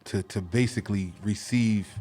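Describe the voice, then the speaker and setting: A man's voice: on the low side, normal speed. A man with a New Jersey accent, a comedian guest talking bluntly and profanely in casual podcast chat. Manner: blunt, profane, animated storytelling.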